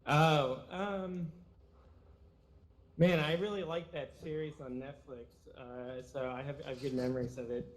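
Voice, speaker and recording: A man's voice: mid-range voice, steady tone, a little slow, rough recording. A man being interviewed as a guest on a talk show, answering casually with many ums and uhs before he settles on an answer.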